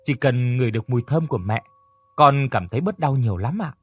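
A man voicing a timid young woman speaking softly and politely from a hospital bed. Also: mid-range voice, lively intonation, a little fast, breathy edge, narrow, tinny audio. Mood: reassuring. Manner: soft, shy, polite.

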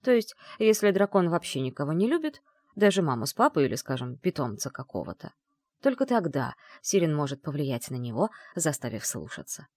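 Expressive woman reading a fantasy audiobook. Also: sits low, a little fast, no echo, studio quality. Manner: expressive, chatty narration. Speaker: audiobook narrator.

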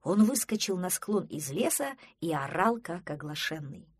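A woman narrating a children's storybook in a lively, expressive reading. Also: fairly low pitch, normal speed, husky, no echo, clean studio sound. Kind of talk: storybook reading with character voices.

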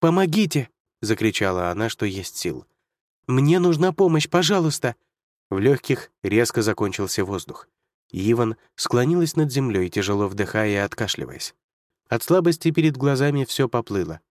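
A man's voice: on the low side, expressive, normal speed, dry recording, clean studio sound. A man reading a story aloud in dramatic scripted narration.

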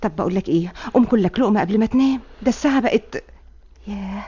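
A woman's voice: medium pitch, lively intonation, racing, mellow, husky. An actress playing a worried, soothing middle-aged wife and mother in a classic radio drama, speaking Egyptian Arabic. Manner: soothing, reassuring. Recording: lo-fi old radio with faint music.

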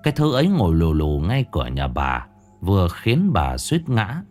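A man tells a ghost story in a voice that sits on the low side. His delivery is dramatic and lively, and his pitch swings widely from phrase to phrase. Faint music plays behind him. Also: normal speed. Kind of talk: spoken ghost story narration.

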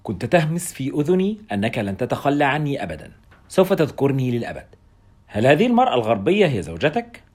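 Man voicing a soft, reproachful young woman. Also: medium pitch, big pitch swings, quick pace. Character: young African woman, soft-spoken, insistent lover. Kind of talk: audiobook character reading.

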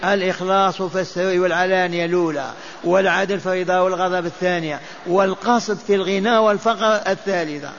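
An older man teaches hadith at a mosque, chanting and repeating the texts so his listeners can memorize them. His voice sits high and bright with a steady tone, and he talks fast. The lecture recording is dull and lo-fi.

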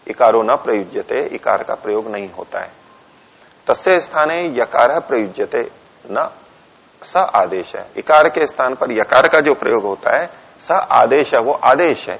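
In a dull, lo-fi lecture recording, a man with a medium-pitched, slightly bright and somewhat rough voice with vocal fry teaches a philosophy text. He reads Sanskrit lines aloud, explains each in Hindi, and dictates punctuation to his students. He poses questions to the class and then answers them himself.

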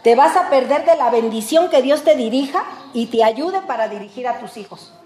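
An older woman with a Mexican accent preaches a folksy, conversational sermon in a church hall, addressing her listeners as "brothers." Her high voice has lively intonation and a moderate pace, swinging between loud and hushed, and the sound is roomy.

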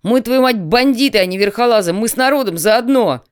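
A woman voicing a hot-tempered, burly male gang boss who shouts and swears. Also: on the low side, expressive, fairly quick, echoey room, lightly acted. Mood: furious. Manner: shouting, coarse.

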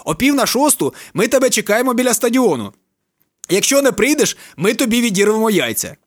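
A man voicing two frantic young male ad men who yell threats and swear down a phone line. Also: very high voice, sing-song, fairly quick, no room sound, clean studio sound, voice pushed up, full character voice. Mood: furious yelling.

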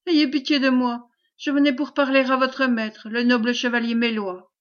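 A woman's voice: high voice, flat delivery, moderate pace, natural voice. A frightened poor man begging for pity, raised and pleading in tone, as a woman reader voices him. Dull, lo-fi audio.

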